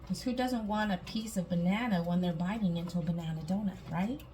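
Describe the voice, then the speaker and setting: A woman's voice: on the low side, brisk, dark tone. A woman from Guam, hosting a casual home cooking demonstration and chatting through each step with small asides. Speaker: home cooking video host. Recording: clear background noise, room ambience.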